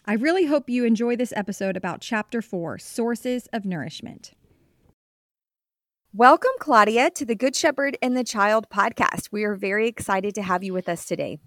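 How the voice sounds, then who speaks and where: A woman's voice: mid-range voice, normal speed, a bit bright, dry recording, studio quality. A woman hosting a faith podcast, speaking in an enthusiastic, encouraging way as she introduces and interviews a guest. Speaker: podcast host.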